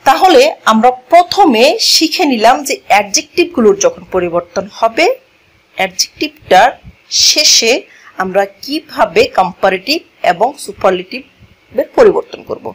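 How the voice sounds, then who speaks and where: A woman teaching a grammar lesson to a class, moving slowly, repeating key words and asking the learners questions as she goes, switching languages mid-sentence. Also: fairly high pitch, sing-song, husky, rough recording. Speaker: English teacher. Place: classroom with a board.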